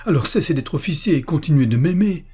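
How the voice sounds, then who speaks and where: Guy doing a young woman, raised pitch, begging and insistent, audiobook. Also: animated, normal speed, warm tone, slightly rough. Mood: pleading. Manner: impassioned, pleading. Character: young woman, desperate and pleading in love.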